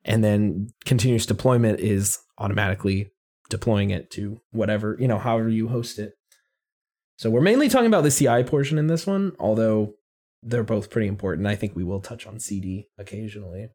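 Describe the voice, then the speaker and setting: A man's voice: on the low side, a little fast, a little mellow. A man co-hosting a podcast, explaining technical things in a casual, conversational, somewhat hedging way. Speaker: podcast co-host.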